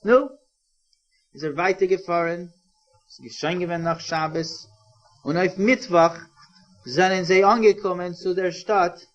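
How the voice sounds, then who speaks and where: A man telling a story to young children, animated and singsong, with plenty of repetition. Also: high voice, measured pace, pauses often. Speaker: storyteller and educator. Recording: dull old cassette transfer.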